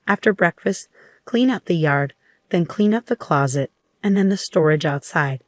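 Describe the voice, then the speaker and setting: A woman's voice: fairly low pitch, lively intonation, normal speed, dry recording, studio quality, lightly acted. A woman voicing a domineering older mother-in-law who scolds and commands harshly. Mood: scolding.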